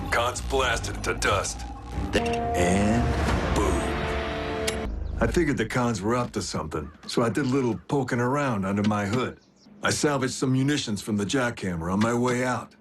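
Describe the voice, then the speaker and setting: A man with a natural, mid-range voice plays a cocky, battle-hardened alien robot warrior in an animated action series, with music in the background. The character is confident, wry, swaggering and laconic, with a brash wisecracking streak.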